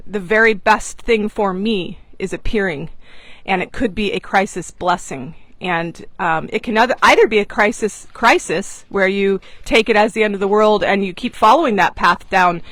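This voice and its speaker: A woman's voice: mid-range voice, normal speed, a bit bright, no room sound, low-quality recording. A woman giving a casual, heartfelt spiritual talk to her followers, earnest and chatty with frequent fillers, recorded on a boat outdoors. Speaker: online mentor and course host.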